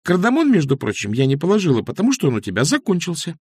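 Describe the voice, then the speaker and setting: A man's voice: fairly high pitch, huge pitch swings, racing, darkish tone, husky, no echo, voice pushed up, full character voice. A male reader voicing a playful, lovestruck woman who teases and orders her man about, in an audiobook. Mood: teasing. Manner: teasing, bossy. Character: lively playful woman in love.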